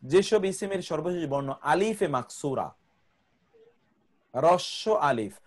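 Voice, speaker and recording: A man's voice: fairly high pitch, animated, unhurried. A man teaching an online grammar class, patiently repeating word lists for students to memorize.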